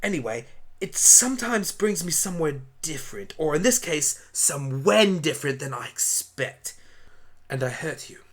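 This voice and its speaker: A man's voice: on the high side, lively intonation, moderate pace, a bit bright. A man playing an eccentric, chatty time-travelling alien pony doctor with a rambling manner in an amateur radio play. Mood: remorseful. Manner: rambling, self-satisfied, breezy.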